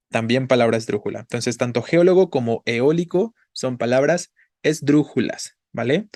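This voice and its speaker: A man's voice: mid-range voice, a little mellow, dry recording, clean studio sound. A man teaching a Spanish grammar class, patiently explaining and checking in with his students. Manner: patient, checks in with frequent "¿no?" and "¿vale?"; spells out syllables slowly.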